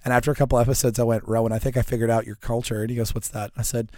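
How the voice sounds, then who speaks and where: A hoarse man co-hosts a podcast at a rapid clip. His voice crackles with a gravelly drill-instructor rasp, as if recently lost. He banters bluntly and swears freely in a dry, close recording. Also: medium pitch, little pitch movement, a little mellow, no echo. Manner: blunt, profane. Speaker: podcast co-host.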